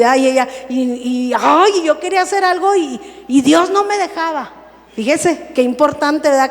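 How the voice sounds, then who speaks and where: Older woman pastor, conversational sermon, slightly high voice, echoing church hall. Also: darkish tone. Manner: conversational preaching, frequent "¿verdad?" tag questions. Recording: long reverb of a church hall.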